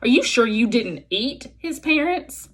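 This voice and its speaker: A woman's voice: fairly high pitch, very animated, a little slow, fairly bright tone, voice pushed up, exaggerated voice. A woman voicing a brusque old female goose in a storybook, blunt, scolding and practical. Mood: suspicious, scolding. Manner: squawking, blunt.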